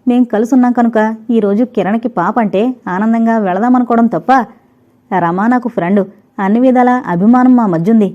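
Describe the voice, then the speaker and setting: Woman reading hurt young wife, indignant, warm dark voice, muffled lo-fi sound. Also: mid-range voice, fast talker, close to an everyday voice. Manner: wounded, indignant. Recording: dull lo-fi recording.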